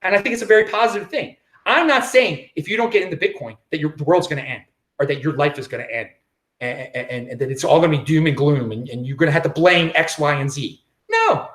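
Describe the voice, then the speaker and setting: A man's voice: on the high side, quick pace. A man hosting his own show, delivering an emphatic solo opinion monologue, repeating phrases for emphasis. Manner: emphatic, repetitive, animated. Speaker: show host.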